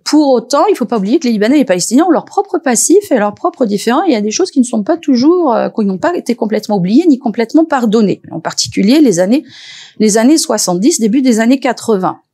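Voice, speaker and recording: A woman researcher speaking as an expert on a panel, lively and animated, often pausing with hesitations and restarts. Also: a little high, slightly rough. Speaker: researcher and lecturer. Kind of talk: expert talk at a panel discussion.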